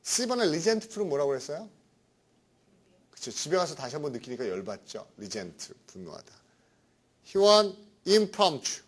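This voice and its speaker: Middle-aged male lecturer, animated swooping delivery, chatty, constantly checking in with students. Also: fairly high pitch, normal speed. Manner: chatty, keeps asking "right?". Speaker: English vocabulary lecturer. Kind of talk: classroom lecture.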